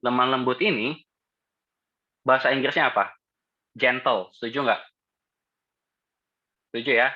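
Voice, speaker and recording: A man leads a relaxed Bible study in an easy, chatty way and keeps asking the group questions. His voice sits at an ordinary pitch for a man. The audio is dull and lo-fi. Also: a little slow, long pauses. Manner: conversational, asks the group questions. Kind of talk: casual Bible study teaching.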